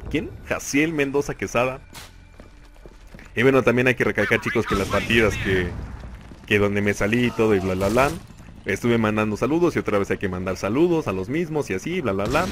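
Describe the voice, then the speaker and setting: A young man with a Mexican Spanish accent narrates his own gameplay, cheering himself on in the third person and pleading with the game. His voice sits at an ordinary middle pitch. Loud gunfire and game noise run underneath. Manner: excitable, talks to himself in third person, laughs often. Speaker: gaming channel host. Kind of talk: live gameplay commentary. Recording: noisy game audio behind voice. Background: gunfire and game sounds.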